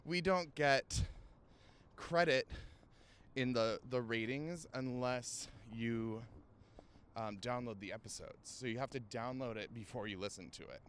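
A man's voice: mid-range voice, a bit bright. A man hosting a podcast from an outdoor walk, chatting eagerly and jokingly. His voice sits in a middle range, with a faint hiss of noise behind it. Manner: enthusiastic, jokey, quick to laugh. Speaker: podcast host. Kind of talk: casual chat while walking. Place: outdoors in a cemetery.

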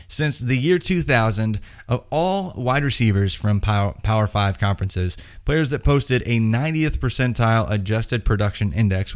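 A man from Indiana with an American accent, hosting a conversational sports podcast. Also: lowish voice. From Indiana, United States. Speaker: podcast host.

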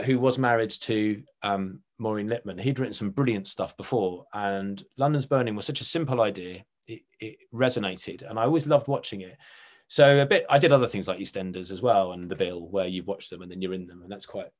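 A man's voice: lowish voice, brisk. A middle-aged man with an Essex accent, reminiscing casually as an actor in an interview, rambling and often correcting himself. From Essex, England. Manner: chatty, rambling, self-correcting. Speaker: actor and writer being interviewed.

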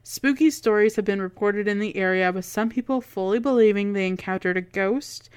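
A woman with a Canadian accent and a clear, smooth voice, co-hosting a podcast and telling local ghost lore in a conversational way. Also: mid-range voice, a little fast. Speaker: podcast co-host.

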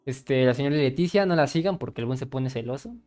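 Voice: mid-range voice, expressive, quick pace, a little mellow. A Mexican podcast host chatting casually and crudely, joking with plenty of slang and swearing. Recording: music behind the voice. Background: music.

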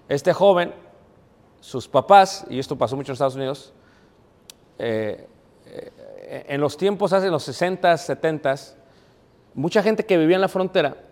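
A man preaching a sermon to a Bible class in a church, talking conversationally and putting rhetorical questions to his listeners. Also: medium pitch. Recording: long reverb of a hall.

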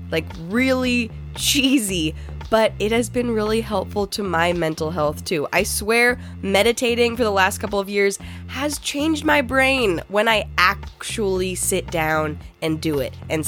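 A woman introduces a podcast segment in a conversational way, leaning on repeated phrases for emphasis. Her voice sits at a medium pitch, with faint music behind it. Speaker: podcast host. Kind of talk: casual scripted podcast introduction.

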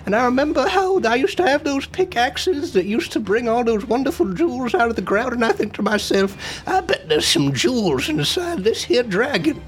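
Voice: mid-range voice, big pitch swings, normal speed, few pauses, voice pushed up, close to an everyday voice. A player voicing a nostalgic, whimsical old prospector mage, telling a story in a tabletop game. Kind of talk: tabletop game character acting.

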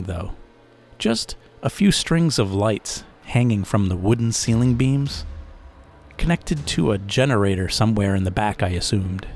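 A man with a lowish voice narrates a first-person story for his podcast. He talks casually and turns to the listener with little asides. Soft music plays faintly behind him. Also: vocal fry.

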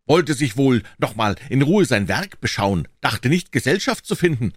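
A man voicing an agitated townsman in a crowd who talks in an excited, indignant, raised voice. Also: a little high, normal speed, no echo, studio quality, voice pushed up.

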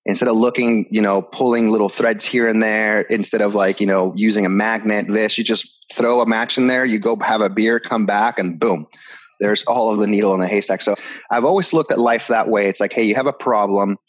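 Low-voiced man from Ecuador telling his story. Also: fairly even intonation, fairly quick, highs cut off. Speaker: guest. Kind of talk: casual interview storytelling.

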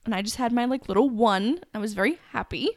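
A woman with vocal fry, bantering casually as a podcast co-host in a wry way, saying "like" a lot. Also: fairly high pitch, fast talker, no echo, clean studio sound. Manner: wry, hedging with lots of "like".

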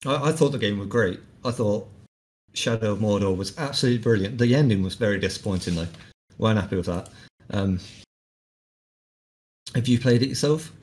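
A man's voice: on the low side, a little fast, pauses often. A man co-hosting a podcast, casually retelling stories with plenty of ums. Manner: relaxed storyteller, uses lots of fillers. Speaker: podcast co-host. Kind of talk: casual chat.

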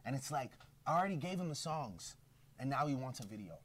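A man's voice: mid-range voice, expressive, fast, fairly bright tone, pitched above the performer's own voice. A lisping, self-pitying male music star, as a podcast host puts him on. He whines and drags out his complaints, sounding worn out by the demands on him. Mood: whiny. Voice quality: lisp.

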